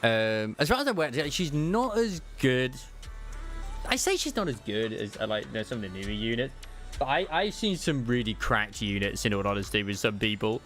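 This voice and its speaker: A man's voice: medium pitch, sing-song, moderate pace, fairly bright tone, soft background music. A man streaming a game, chatting casually and reading the game's dialogue aloud, rambling with frequent laughs and filler words.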